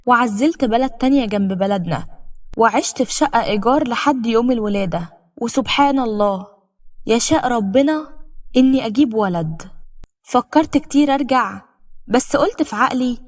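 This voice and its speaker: Emotional Egyptian woman telling a story. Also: on the high side. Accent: Egyptian Arabic. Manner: emotional and dramatic. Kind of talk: scripted first-person storytelling.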